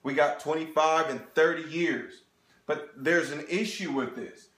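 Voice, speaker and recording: A man in his thirties giving a sales seminar presentation, animated and talking straight to the audience with frequent check-ins. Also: fairly high pitch, measured pace. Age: 30s. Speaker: financial presenter. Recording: echoey room.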